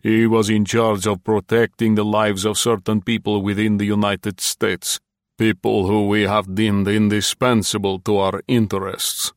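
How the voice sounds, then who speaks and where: A man voicing a fat, ruddy older Soviet general with a rasping voice, giving slow, deliberate orders in an audiobook. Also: on the low side, level tone, no room sound, studio quality. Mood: commanding. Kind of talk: audiobook character voice.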